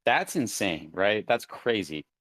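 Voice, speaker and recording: A man's voice: lowish voice, sing-song, takes it slowly, fairly bright tone, dry recording. A man hosting a live crypto audio chat, rambling casually with many fillers as he thinks aloud. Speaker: crypto show host.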